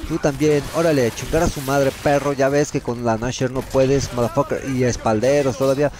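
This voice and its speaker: A man with a Mexican accent giving profane, excitable commentary while playing a shooter game. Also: medium pitch, brisk. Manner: excitable, swears constantly, yells at enemies. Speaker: gameplay streamer.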